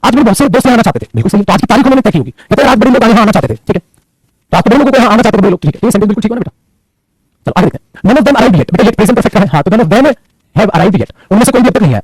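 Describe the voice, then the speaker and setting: A young male teacher runs an online grammar class, stern one moment and patiently explaining the next. His voice sits high and he talks very fast. It is slightly husky and sounds dry and close, with little room echo. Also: a little mellow. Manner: scolding then patient explaining. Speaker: English teacher.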